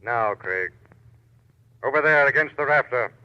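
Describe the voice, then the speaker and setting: An actor playing a sinister, mocking invisible avenger in a slow, theatrical 1940s radio mystery style, through a filter. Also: male voice, mid-range voice, expressive, clear, resonant tone. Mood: commanding, menacing. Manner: slow, taunting, theatrical delivery. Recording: muffled old radio recording.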